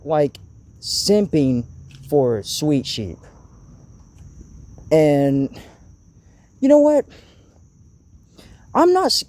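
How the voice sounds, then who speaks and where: A young man talks straight into his camera mic, ranting slowly as he stutters and restarts his sentences. His voice sits a little high but sounds mellow and soft-edged. It swings widely in pitch and loudness from line to line. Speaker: channel host. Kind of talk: casual vlog rant to camera.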